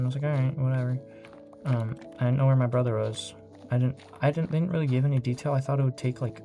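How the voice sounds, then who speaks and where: A teenage boy rants through a personal vlog, his voice gravelly and dark in tone. He rambles, swears freely and sounds fed up, now and then dropping into a soft, low trail-off. Faint music plays behind him. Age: teens. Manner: frustrated, rambling, swears a lot. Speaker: vlogger.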